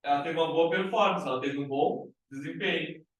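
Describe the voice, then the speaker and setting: A man with a Brazilian Portuguese accent teaching a grammar class. His voice sits high for a man. He keeps checking in with the room through rhetorical questions. He is recorded from a distance in a very echoey classroom. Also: a little fast.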